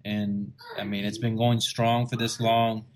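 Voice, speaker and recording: A man from Texas's Rio Grande Valley, a stand-up comedian appearing as a guest in a casual interview, speaks on the low side and a little slowly. He's an animated storyteller who acts out what people said.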